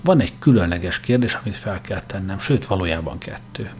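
A man voicing a shrewd male grandmaster who questions and lectures in a sharp, cutting way. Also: low-pitched, expressive. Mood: probing.

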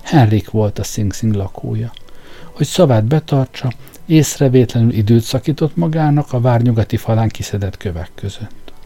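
A man narrating a storybook in a steady, measured reading voice. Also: medium pitch. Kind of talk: audiobook narration.

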